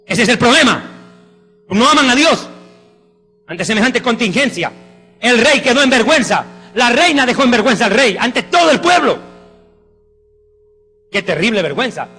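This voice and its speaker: A man preaches a fiery sermon, his voice high and bright as it rings through a long-reverb hall. Faint music plays softly underneath him. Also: sing-song, moderate pace, pauses often. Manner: fervent, exclamatory preaching.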